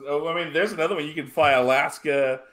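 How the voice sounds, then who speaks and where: Podcast guy, bright punchy voice, rambles with lots of um and like. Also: a little high, steady tone, fast talker. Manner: rambling, full of fillers. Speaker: podcast co-host. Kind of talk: casual chat.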